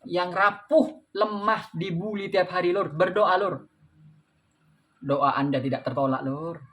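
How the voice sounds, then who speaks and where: A man's voice: on the high side, fairly bright tone. A man preaching in a casual, folksy way with a light flavor, telling religious stories and addressing listeners as "Lur" after nearly every phrase. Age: adult father. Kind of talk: casual religious talk and storytelling.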